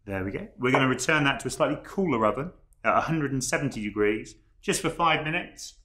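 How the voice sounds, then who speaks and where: A man in his thirties, a head chef, talking through a cooking demonstration step by step in a relaxed, explanatory way with frequent ums. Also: mid-range voice, fast talker. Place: large wood-panelled college hall, indoors. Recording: echoey hall.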